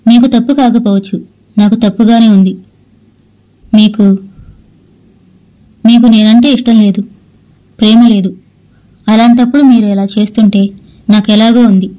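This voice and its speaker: A woman's voice: fairly high pitch, steady tone, normal speed, pauses often, mellow, natural voice, rough recording. A woman voicing a proud young woman who is hurt and defiant in a storybook. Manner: defiant, then sobbing.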